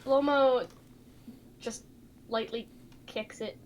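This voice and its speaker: A woman's voice: on the high side, steady tone, slow pace, darkish tone. A woman chatting casually and playfully as a player in a tabletop game.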